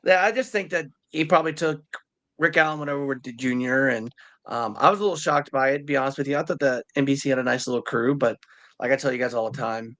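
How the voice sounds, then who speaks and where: A man's voice: medium pitch, quick pace, fairly bright tone. A man co-hosting a casual podcast, rambling easily and restarting his sentences. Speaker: podcast co-host. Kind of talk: casual chat.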